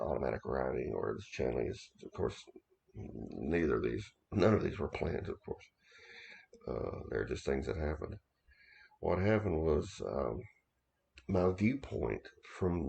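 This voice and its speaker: An occult author recounts his experiences in casual first-person storytelling, his very deep, gravelly voice slightly mellow. He tells it haltingly, repeating himself and restarting often amid plenty of fillers.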